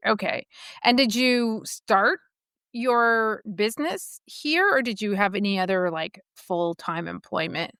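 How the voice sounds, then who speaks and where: A woman's voice: mid-range voice, a little slow, fairly bright tone, smooth, no echo, clean studio sound. A middle-aged woman from California with a Californian accent, hosting an interview podcast and asking questions in a conversational way. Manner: conversational, asks follow-up questions with hesitations. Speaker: podcast host.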